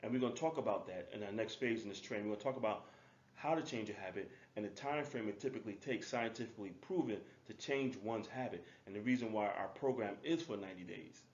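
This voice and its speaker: A man's voice: on the low side, quick pace. A man giving a motivational webinar as a life coach, talking in an emphatic, repetitive, informal way. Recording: roomy, dull lo-fi audio.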